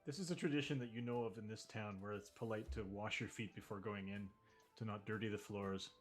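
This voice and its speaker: A man running a tabletop game, narrating casually in a halting, rambling way as he improvises. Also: lowish voice, fairly even intonation, faint music behind. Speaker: game master.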